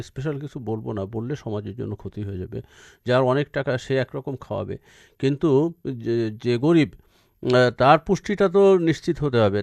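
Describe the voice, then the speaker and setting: Bangladeshi guy, creaky voice, dry studio sound, explaining stuff as a radio expert, lists things emphatically. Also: mid-range voice, a little mellow, dry recording. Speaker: expert guest answering listeners' questions. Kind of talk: explanatory advice on a radio phone-in.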